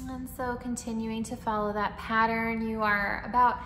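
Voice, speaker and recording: A woman leading a guided breathwork meditation in a soothing, instructing manner, with long pauses and audible breathing and sighs. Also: fairly high pitch, flat delivery, a bit bright. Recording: echoey reverberant room, faint background noise.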